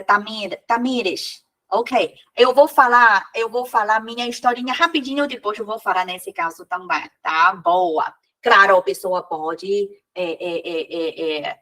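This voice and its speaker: A woman's voice: medium pitch, a bit bright. A woman whose first language is Mandarin Chinese, teaching in non-native Portuguese during an online talk, encouraging listeners and tagging her sentences with questions. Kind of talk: online lecture.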